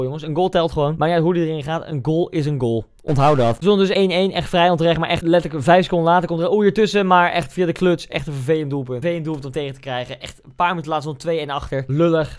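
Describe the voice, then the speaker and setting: A young man with a Dutch accent talks fast and high over his own replay footage. His commentary is joking and self-mocking, full of exclamations and quick laughs. The tone is loose, casual vlog chat.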